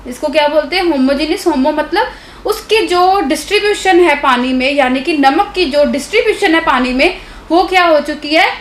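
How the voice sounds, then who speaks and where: In a roomy-sounding, rough recording with a little hiss or hum, a high-pitched woman with a fairly bright tone runs a live online doubt-clearing science class. Her Hindi accent is clear as she explains concepts, regularly asking the class rhetorical questions to make sure they understand.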